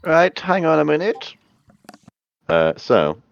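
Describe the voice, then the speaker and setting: A man's voice: a little high, very animated, takes it slowly, gravelly, dry recording, highs cut off. A man running a tabletop game as game master, narrating and chatting in an informal, sweary way.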